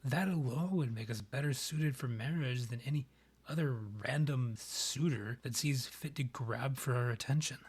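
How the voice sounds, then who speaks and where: In a romantic ASMR roleplay, a man voices a proud, guarded vampire king, speaking breathily and often close to a whisper in a formal, courtly, halting way. His pitch sits in the middle, near an ordinary speaking voice, and he comes across stiff and defensive.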